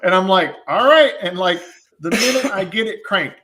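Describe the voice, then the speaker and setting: A man with a slightly raised pitch spins lively work stories in a relaxed podcast conversation. He talks loosely, dropping slang and acting out both sides of each exchange. It feels like easy shop talk between tradesmen. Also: moderate pace, background noise. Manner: animated storytelling with slang. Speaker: HVAC technician telling stories. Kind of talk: casual podcast chat.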